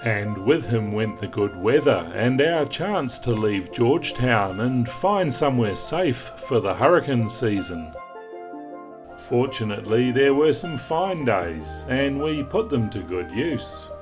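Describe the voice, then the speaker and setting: A middle-aged man hosts a sailing vlog from aboard his boat, chatting in an upbeat way with a few fillers as casual narration, while music plays underneath. His medium-pitched voice is very animated and a little slow.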